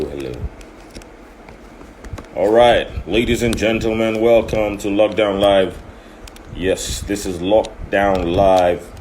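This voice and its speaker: A low-voiced man hosts a live online interview over a video call. He greets viewers with repeated, stretched-out phrases and an upbeat manner. A faint background hiss sits under his voice. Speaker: host.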